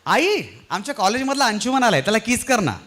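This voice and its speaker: A pushy, flirtatious woman, as a male comedian puts her on, teasing and insistent, pitched way up in a squeaky falsetto that leaps around. She presses her point again and again, loud and playful. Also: lively intonation, fast talker.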